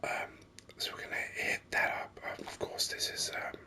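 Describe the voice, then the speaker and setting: Whispering right up against the microphone, a gaming host rambles hesitantly through ASMR commentary at a moderate pace with a sharp tone. The breathy, unvoiced whisper runs as a voice-over on captured gameplay.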